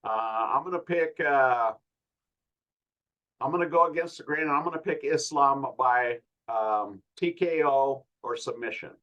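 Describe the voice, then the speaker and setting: A man hosting a casual fight podcast, talking through the matchup in a measured, laid-back way with many pauses. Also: mid-range voice, fairly bright tone, highs cut off. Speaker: podcast host. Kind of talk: casual MMA podcast analysis.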